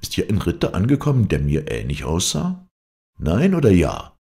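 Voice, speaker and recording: A man's voice: sits low, huge pitch swings, moderate pace, vocal fry, mellow, voice pushed up, heavily acted. A man voicing a determined young knight in a storybook reading, firm and commanding.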